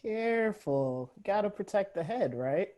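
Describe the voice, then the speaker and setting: A woman reading the part of a laid-back young man in an informal play read-through over a video call, with a dry, deadpan delivery. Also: mid-range voice, measured pace, close to an everyday voice. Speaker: play reader.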